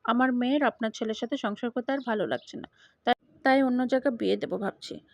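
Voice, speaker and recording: A woman voicing a calm, dryly teasing father of the bride, in her own plain voice. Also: very high voice, fast talker, creaky, no room sound. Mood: wry. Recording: dull lo-fi dry recording.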